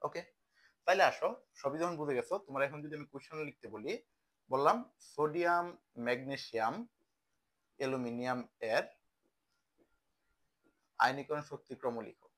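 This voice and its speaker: A man's voice: medium pitch, normal speed, long pauses, a bit bright. A young man teaching a chemistry lesson in a casual style, often asking a question and then answering it himself. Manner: conversational, asks questions and answers them himself. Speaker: chemistry tutor.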